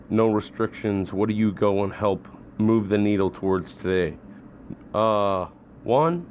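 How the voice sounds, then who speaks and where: Male vlog host, low voice, unhurried measured delivery, faint ambience behind. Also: a little mellow, a little hiss or hum. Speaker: video host. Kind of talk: casual video answer.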